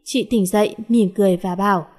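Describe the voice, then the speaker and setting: A woman's voice: medium pitch, steady tone, fairly quick, a little mellow. A woman reading a first-person story aloud, voicing the characters' lines with small lifts in her voice.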